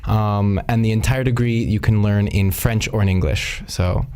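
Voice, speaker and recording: American man, fairly low voice, school staffer, friendly and conversational in an online session. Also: steady tone, normal speed, a little mellow, clear, resonant tone. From United States. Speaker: international staff and English teacher. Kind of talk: live online info session.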